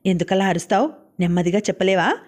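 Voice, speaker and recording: A woman's voice: mid-range voice, fast, darkish tone, natural voice. A woman reading an insistent husband. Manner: insistent, pressing. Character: pleading, then angry young husband.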